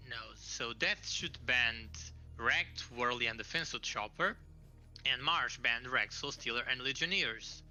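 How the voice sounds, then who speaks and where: A man commentating a live online game tournament with a very bright, forceful tone. He is playful and laughs easily, teasing his co-host in the downtime between matches. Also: mid-range voice, measured pace, dull audio. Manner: playful, laughs often, jokes about eating. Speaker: esports caster.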